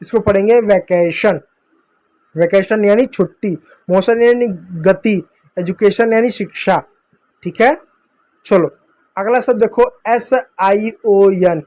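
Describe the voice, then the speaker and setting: A man's voice: sits high, takes it slowly, darkish tone. A man teaching English pronunciation to beginners, drilling each word step by step and answering his own questions. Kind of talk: explaining a phonics lesson to beginners.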